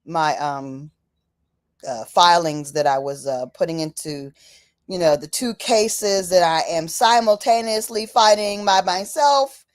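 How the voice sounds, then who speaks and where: Woman, livestream host, fervent, repeats herself for emphasis, slow, dry close sound. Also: on the low side, no room sound. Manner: casual, many fillers, says "y'all". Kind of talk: impassioned livestream talk.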